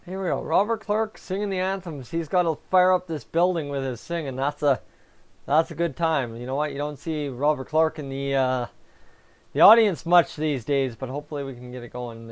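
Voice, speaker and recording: A man's voice: fairly high pitch, clean tone. A man hosting a live hockey fan reaction stream, chatting casually and answering viewers while talking with a sore, raw tongue. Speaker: fan livestream host.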